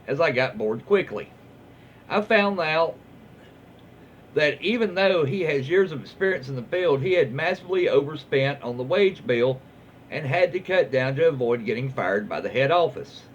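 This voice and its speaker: He's a Southern American man reading stories aloud informally as a host, with a down-home, casual manner. His voice runs on the high side, animated, at an ordinary pace. The recording is lo-fi and muffled, carrying slight background noise.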